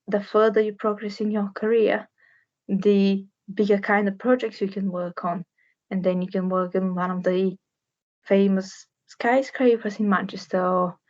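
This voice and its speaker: A woman's voice: mid-range voice, muffled recording. A young woman from Bulgaria, a structural engineer, giving an earnest career talk to students, plain and searching for words at times.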